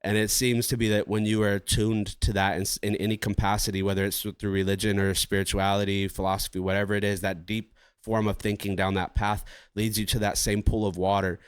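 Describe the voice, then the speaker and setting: A man co-hosting a podcast in casual chat, rambling and animated, swearing freely as he talks through ideas. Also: lowish voice, brisk, few pauses, smooth, no echo, clean studio sound. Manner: rambling, profane and animated, acting out his inner voice. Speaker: podcast co-host.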